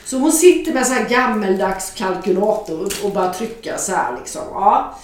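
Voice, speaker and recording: A middle-aged woman telling a story aloud in a frank, lively way, swearing casually and acting out the dialogue. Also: mid-range voice, slight background noise. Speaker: author telling an anecdote. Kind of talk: spoken storytelling to an audience. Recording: very echoey, from a distance.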